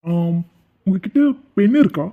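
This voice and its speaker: A man's voice: high voice, expressive, measured pace. A man voicing an awkward young office worker with a crush in a cartoon, hesitant and fumbling. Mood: sheepish. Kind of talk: cartoon voice acting. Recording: tinny phone-like audio.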